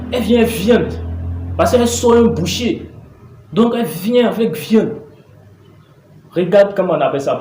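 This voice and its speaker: A man's voice: high voice, darkish tone, reverberant, slight background noise. An actor in a comedy sketch playing a demanding father who scolds his grown daughter, exasperated and swearing.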